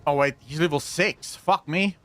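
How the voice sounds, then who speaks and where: A man's voice: fairly high pitch, normal speed, a bit bright, faint music behind. A man doing casual live gameplay commentary in a sweary frat-bro manner, addressing his viewers like buddies. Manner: frat-bro slang, swears freely, calls viewers boys and bro. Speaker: live streamer and video creator.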